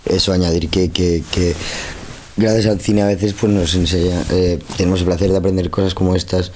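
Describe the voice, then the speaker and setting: A man's voice: low voice, little pitch movement, brisk, a little mellow, slight background noise. A young man in his twenties, an actor rambling through interview answers and repeating words as he thinks. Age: 20s. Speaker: lead actor. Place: indoor press room in front of a film poster.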